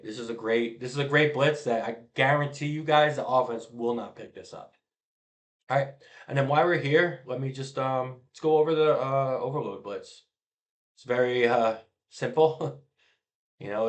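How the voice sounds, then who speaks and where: Middle aged guy coaching youth football, chill breakdown of plays, voice drops off at the ends. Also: medium pitch. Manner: casual, conversational, trails off quietly at phrase ends. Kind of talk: explaining plays over a diagram.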